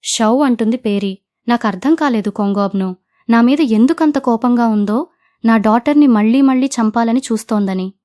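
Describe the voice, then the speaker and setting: A woman narrates a drama recap with a somewhat high voice. She quotes the characters' lines in her own steady storytelling voice rather than acting them out. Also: moderate pace. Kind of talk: retelling a drama plot.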